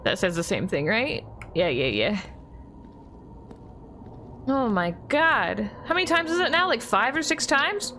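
A young woman commentating her horror game play, jumpy and excitable, often gasping and laughing nervously. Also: on the high side, unhurried, pauses often, a little hiss or hum. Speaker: gaming YouTuber.

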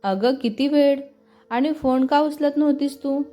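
A woman's voice: sits high, fairly even intonation, warm tone, pitched above the performer's own voice. A woman doing a bubbly young office girl. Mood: scolding. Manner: bubbly, teasing, quick questions. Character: lively chatty young woman colleague.

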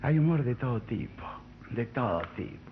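A man, a comedian telling a chain of jokes in a chatty, animated way on a 1970s TV broadcast. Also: mid-range voice, normal speed, narrow, tinny audio, a little hiss or hum. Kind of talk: stand-up joke telling. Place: TV studio.

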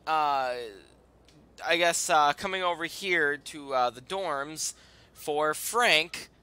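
A man giving casual, halting and rambling commentary over a video game as its host. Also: a little high, pushed and bright, smooth. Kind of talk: casual let's play commentary.

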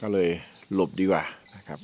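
A man talking bluntly and at length as a travel vlogger, narrating casually outdoors on a rural mountain road. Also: moderate pace. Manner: blunt, talkative, uses polite particles. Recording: loud wind noise on the mic.

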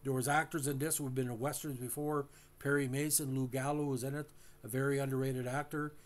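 Halting man recapping an old TV episode. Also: mid-range voice, flat delivery. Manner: halting, many uh fillers and restarts; addresses listeners directly. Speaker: host. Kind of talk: casual recap and commentary.

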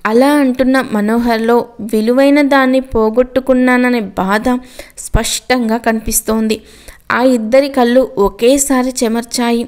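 Female story narrator, calm and even, bright clear voice, slightly high. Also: measured pace. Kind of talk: storybook reading.

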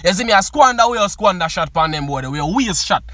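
Jamaican male song reviewer, emphatic, forceful bright tone. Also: sits high, lively intonation, fast, no room sound. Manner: emphatic, keeps asking "you see me". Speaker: music reviewer. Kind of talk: casual song commentary.

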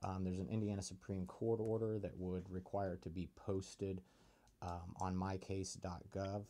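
A man leaving a voicemail, hesitant with many ums, reading numbers out slowly over the telephone. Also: sits low, little pitch movement, mellow. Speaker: caller.

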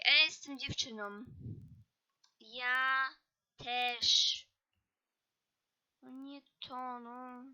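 A young gaming YouTuber with a fairly high, pushed and bright voice chats casually while playing a chatbot game, reading typed lines aloud in an exasperated, playful tone. Keyboard clicks sound nearby, and the recording is rough.

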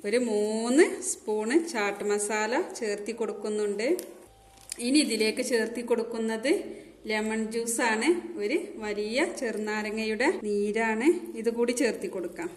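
A woman's voice: fairly high pitch, steady tone, unhurried. A woman hosting her cooking channel, explaining a recipe step by step in a friendly way from her home kitchen. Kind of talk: cooking tutorial narration. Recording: echoey kitchen with faint noise.

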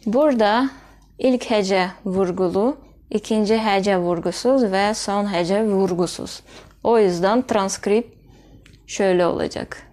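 A woman teaching a language lesson, explaining pronunciation rules and repeating each example word slowly and carefully. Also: mid-range voice, a little mellow. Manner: spells out sounds and repeats example words slowly. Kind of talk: slow, deliberate language lesson.

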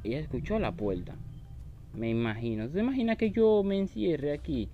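A man's voice: on the high side, animated, moderate pace, phone-quality sound. A man commenting on a horror game he is playing, taunting the enemy and shrieking when startled. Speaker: gaming YouTuber.

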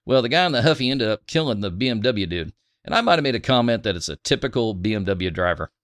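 A man's voice: medium pitch, sing-song, fast talker, fairly bright tone, no room sound, clean studio sound. A man hosting a gun channel vlog, reading viewer comments aloud in a joking, crude, self-mocking way.

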